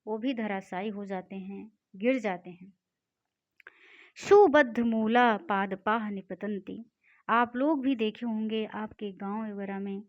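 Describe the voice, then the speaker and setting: A woman teaching a Sanskrit lesson. She reads each line of the text and then explains it in simple words. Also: a little high. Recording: dull lo-fi recording.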